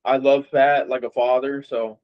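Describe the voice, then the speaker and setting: This young male boxer guest, hailing from Las Vegas in the USA, has a medium-pitched voice and speaks at a moderate speed. Chatting casually for an interview, he meanders along with lots of filler words, captured on dull, low-fidelity audio.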